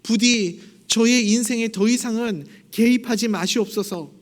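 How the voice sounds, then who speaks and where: A man voicing a wronged, pregnant young maidservant who pleads loudly in old courtly speech. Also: very high-pitched, moderate pace, in a large hall, pitched above the performer's own voice. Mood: humble.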